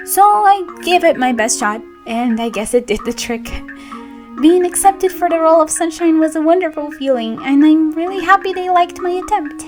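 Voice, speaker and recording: Speaking at a normal speed in a very high-pitched voice, a young voice actress who hosts a channel answers fan questions casually, bubbly and giggly. Her first language is Brazilian Portuguese, and faint music plays in the background.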